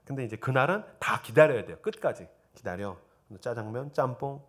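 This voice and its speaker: A middle-aged man preaching at a church teachers' seminar, telling personal stories and acting out quoted dialogue with lively swings between loud, excited passages and low murmurs. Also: brisk. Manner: animated, quotes himself and students in lively dialogue. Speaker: pastor. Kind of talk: sermon storytelling at a teachers' seminar. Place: church sanctuary.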